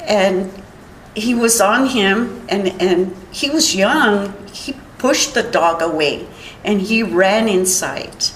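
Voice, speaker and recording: An older woman giving courtroom testimony, retelling events in a halting, rambling way with many restarts. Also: medium pitch, roomy sound, a little hiss or hum, low-quality recording. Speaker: witness.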